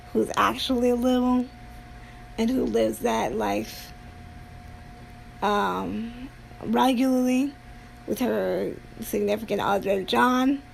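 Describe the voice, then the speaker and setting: Slow, very creaky-voiced woman streamer. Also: a little high, a little mellow, slight background noise, rough recording. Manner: halting, with long pauses mid-sentence. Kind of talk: casual rambling livestream talk.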